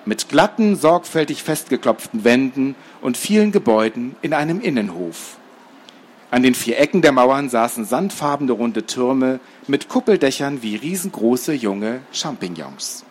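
A man reading a children's book aloud in a lively, expressive way. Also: medium pitch, a little slow, breathy edge. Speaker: storyteller.

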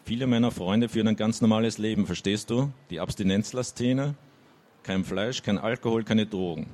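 A man's voice: lowish voice, normal speed, darkish tone, close to an everyday voice. A man reading the lines of a brash young woman who speaks bluntly and gets heated. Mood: lecturing.

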